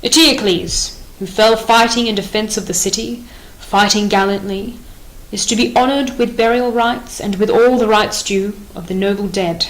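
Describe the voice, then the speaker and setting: Woman voicing a stern old-style king, grave and deliberate, lays down the law, audiobook play. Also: medium pitch, fairly even intonation, lightly acted, low-quality recording. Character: stern, unbending middle-aged male king.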